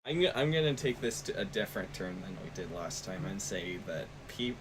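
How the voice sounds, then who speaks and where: A man's voice: deep voice, lively intonation, a little fast. A young man co-hosting a casual podcast, rambling with lots of fillers and hesitations. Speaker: podcast co-host. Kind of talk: casual chat. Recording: noisy home recording.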